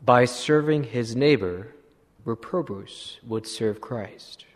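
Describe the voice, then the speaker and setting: A man, a priest, telling a saint's story in a slow, measured sermon. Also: mid-range voice. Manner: slow, measured retelling with clearing of throat. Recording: long hall reverb.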